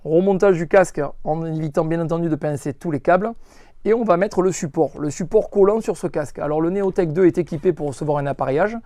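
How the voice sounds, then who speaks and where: A male motorcycle accessory shop presenter gives an unscripted, hands-on product tutorial, instructive and emphatic, repeatedly reminding viewers what matters. His voice sits on the high side with a dark tone and a fast delivery. The studio-quality recording has no room sound.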